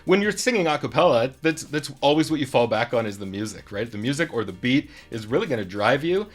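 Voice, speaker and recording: A man's voice: medium pitch, very animated, brisk. A young man hosting a casual interview and song game, upbeat and teasing, talking at length. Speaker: show host.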